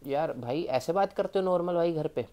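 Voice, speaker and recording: A man with an Indian accent talks a viewer through exam tips in a loose, friendly tutorial. His voice is soft and mellow rather than bright. He keeps it chatty and informal, like a mate giving advice. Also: a little high, lively intonation, normal speed. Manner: chatty and informal, calling the viewer "yaar" and "bhai". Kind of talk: casual spoken tutorial.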